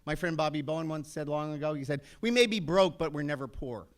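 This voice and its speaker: A brash man in his fifties holds forth on a panel, animated and full of comic asides. His voice sits a little high for a man. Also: fast talker. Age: 50s. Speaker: actor on a panel. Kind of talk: panel talk to an audience.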